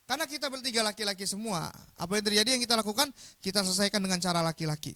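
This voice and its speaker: A young man giving a motivational talk, telling a story in an animated, jokey way and often putting questions to his audience. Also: high-pitched, racing, no echo. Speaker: motivational speaker.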